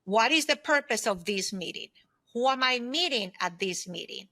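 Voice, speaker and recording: This guest, a former aerospace executive in her fifties now working as a solopreneur consultant, speaks at normal speed with lively intonation. Her voice is fairly high, clearly bright and forward. In the conversational interview she offers advice from her own experience, emphatic and often putting questions to herself.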